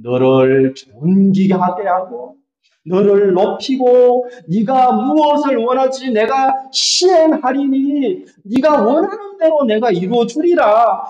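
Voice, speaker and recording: A man voicing a scheming king who offers riches, speaking slowly in a low, coaxing tone. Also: expressive, darkish tone, far from the mic, exaggerated voice. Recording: echoey church hall, dull lo-fi sound.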